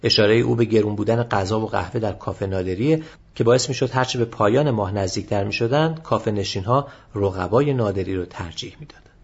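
A man narrating a documentary in a measured, informative way, with a gravelly, husky voice. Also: on the low side. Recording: dull lo-fi recording.

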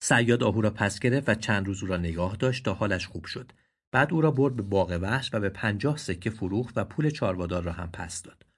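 A man narrating a children's fable as a story reader, in a calm, steady way. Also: fairly low pitch, slightly rough. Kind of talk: storybook reading.

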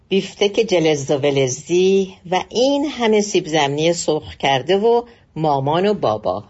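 An older narrator reading a personal memoir slowly and wistfully, with long pauses. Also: mid-range voice, darkish tone, husky. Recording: dull lo-fi recording. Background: faint music.

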